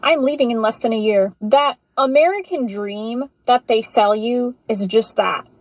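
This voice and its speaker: A woman's voice: on the high side, measured pace, dry recording, rough recording. A woman from Bulgaria giving a bitter, emphatic monologue in a social media clip.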